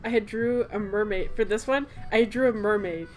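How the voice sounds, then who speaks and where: A young woman talks in a loose, casual way about her old artwork, her voice sitting at an ordinary middle pitch. She rambles, giggles and corrects herself often, with a little soft music playing faintly behind her. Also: normal speed. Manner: giggly, rambling, with many fillers and self-corrections. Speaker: artist and channel host. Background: faint background music.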